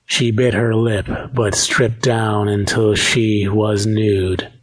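A man reading a romance audiobook aloud, in a steady, measured narration. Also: on the low side, husky. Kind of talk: scripted narration.

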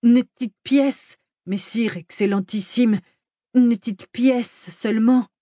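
A woman voicing a simple-minded hulking male giant beggar in an audiobook, with a guttural voice and slow, broken, pleading speech. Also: on the high side, dark tone, dry recording, studio quality, voice pushed up. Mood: wheedling. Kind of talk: audiobook character voice.

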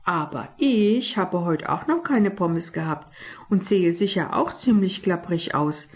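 A plump, always-hungry cartoon sparrow who whines and grumbles, as a woman reads him. His voice has a husky, mellow tone. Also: mid-range voice, unhurried. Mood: whining. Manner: whiny, complaining. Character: greedy slow-witted fat male sparrow.

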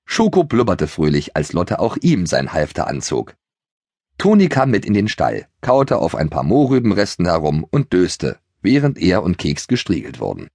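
A man narrating a children's audiobook in a lively storytelling manner. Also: sits low, moderate pace, slightly rough, dry recording. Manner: animated storytelling. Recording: dry studio recording.

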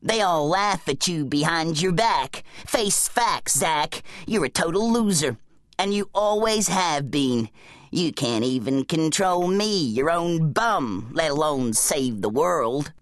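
A man voicing a smug, taunting talking bum in a children's audiobook, drawling his mockery slowly. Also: a little high, expressive, fairly bright tone, no echo, clean studio sound. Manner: sneering, drawn-out mockery. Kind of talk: audiobook character voice.

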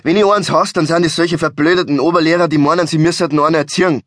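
A man's voice: medium pitch, moderate pace, a bit bright, no echo, lightly acted. Hans: a man voicing a cursing driver. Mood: angry ranting. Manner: gruff, swearing, barking insults. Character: irate middle-aged man cursing behind the wheel. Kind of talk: audiobook character voice. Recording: dry studio recording.

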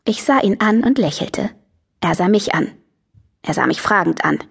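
Husky woman narrating an audiobook. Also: mid-range voice, normal speed. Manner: lively, self-mocking, chatty. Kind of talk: first-person teen novel narration.

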